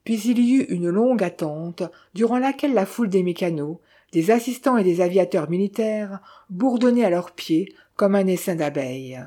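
Woman reading a novel aloud, calm and measured, warm mellow voice. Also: medium pitch. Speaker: narrator. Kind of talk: scripted narration of a novel.

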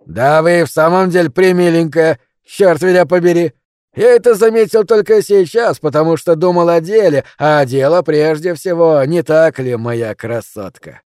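A brash con man taunts and gloats in a raised, mellow voice, as a male audiobook reader puts him on. The recording is close and dry. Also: on the high side, lively intonation, a little slow, no room sound. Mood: mocking, gloating. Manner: mocking, loud, gloating.

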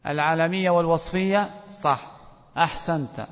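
A man with a high voice teaches a grammar lesson, calling on students one by one and quizzing them. He drags out key words when he warns or stresses a point. The recording is muffled and lo-fi, with long reverb from a big hall. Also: moderate pace. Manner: questions students directly, stretches words for emphasis. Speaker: sheikh teaching a grammar course. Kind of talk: classroom lesson with oral quizzing. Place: lecture hall.

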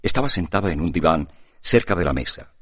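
A man narrating an audiobook in expressive scripted storytelling. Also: deep voice, a little fast, breathy edge, dry recording. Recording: dull lo-fi audiobook recording.

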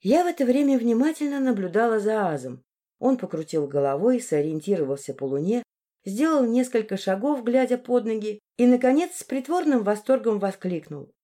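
Mellow-voiced woman narrating an audiobook. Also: a little high, normal speed. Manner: even, storytelling delivery. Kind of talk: first-person audiobook narration.

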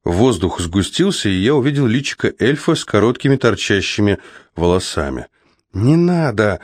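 A low-voiced man reads a first-person fantasy audiobook in a measured, steady storytelling manner. The recording is close and dry, with no room sound around him. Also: no room sound. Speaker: audiobook narrator.

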